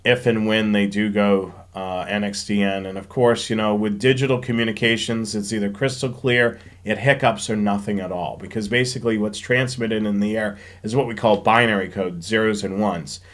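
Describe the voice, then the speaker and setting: A man with a fairly low, steady voice hosts a railfanning live show, speaking at a moderate pace with hardly any pauses. In this informal live-stream Q&A, he explains things while answering questions and thinks out loud.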